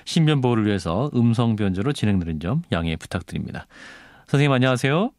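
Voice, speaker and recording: Fast-talking male radio interviewer, dry sound. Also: mid-range voice, expressive, darkish tone, no room sound. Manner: polite, formal.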